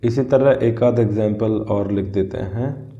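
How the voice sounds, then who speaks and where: Slow, dark-voiced male teacher. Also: fairly low pitch. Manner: slow, spells out sounds word by word. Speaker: English teacher. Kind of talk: whiteboard grammar lesson. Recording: echoey, dull lo-fi room sound.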